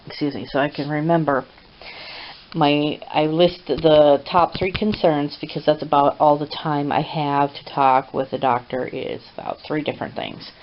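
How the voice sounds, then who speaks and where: A woman talking in a casual home vlog, halting, with many pauses and fillers, recorded indoors at home on a camera mic. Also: sits low, fairly even intonation. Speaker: vlogger. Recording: dull lo-fi home video with hiss.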